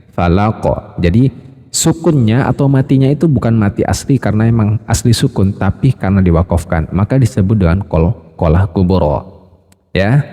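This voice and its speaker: A man teaching Quran recitation rules, patiently explaining step by step and slowly drilling each sound, addressing listeners as friends. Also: on the low side, dark tone, in a large hall. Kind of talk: tajwid lesson with spoken demonstrations.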